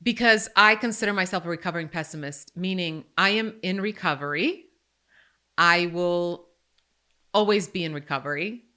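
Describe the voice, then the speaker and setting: A woman's voice: fairly low pitch, moderate pace, pushed and bright. A woman in her forties from Croatia hosting a podcast, talking in a candid, self-deprecating and joking way. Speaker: podcast host. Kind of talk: casual podcast chat.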